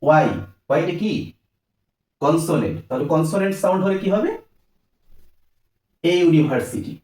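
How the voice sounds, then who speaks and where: A man's voice: on the high side, expressive, quick pace, darkish tone, reverberant, distant mic. A man teaching a grammar lesson, asking questions and answering them himself.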